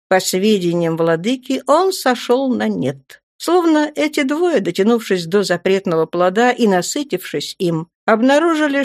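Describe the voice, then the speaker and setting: A woman narrates an audiobook in an expressive storytelling voice with a lively, shifting melody. The sound is dry and close to the mic, with no room behind it. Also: on the high side, dry recording. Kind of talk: scripted narration.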